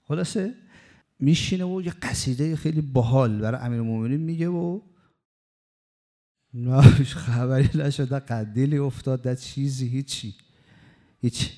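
A man preaching, telling a story in a conversational, lively sermon style. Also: mid-range voice, long pauses.

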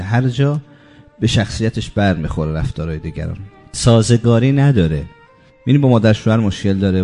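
A man giving a religious sermon, speaking emphatically and piling up repeated lists, slowing down to stress key words. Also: fairly low pitch, dark tone. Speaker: preacher.

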